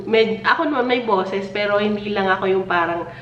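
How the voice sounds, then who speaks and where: Giggly, slightly hoarse woman vlogging at home. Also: mid-range voice, normal speed, slight background noise. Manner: chatty and giggly, with frequent laughs. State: voice lowered and a little hoarse after illness, coughing. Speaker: family vlogger. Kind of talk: casual chat. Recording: echoey, distant, dull home recording.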